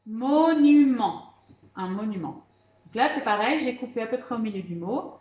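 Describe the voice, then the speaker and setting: A woman teacher with a fairly high voice leads a spelling lesson, slow and patient, calling out letters one at a time. Her voice rings a little in an echoey room. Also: animated, phone-quality sound. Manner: encouraging, repeats "d'accord" and "très bien". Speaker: primary school teacher. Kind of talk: remote spelling lesson for children.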